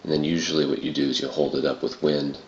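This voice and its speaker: Casual male tutorial narrator, very low and throaty with heavy fry, noisy home recording. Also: flat delivery, fast. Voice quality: gravelly, throaty. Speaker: tutorial presenter. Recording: muffled, roomy home recording with clear noise.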